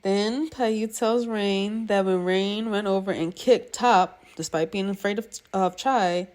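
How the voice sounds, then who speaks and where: A woman's voice: mid-range voice, slow pace, a little mellow. A woman giving a casual, gushing recap of a TV drama episode, talking chattily to her viewers.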